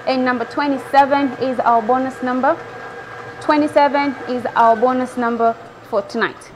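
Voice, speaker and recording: A young woman with a Zambian accent presenting a live lottery draw as host, announcing and repeating numbers deliberately. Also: sits high, fairly even intonation. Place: large TV studio, indoors. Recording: clearly noisy studio ambience.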